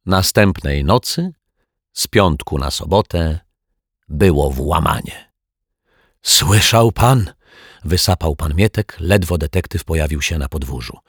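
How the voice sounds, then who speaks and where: A man narrating a children's audiobook as an expressive storyteller. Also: very deep voice, a little slow, breathy edge, no echo, studio quality.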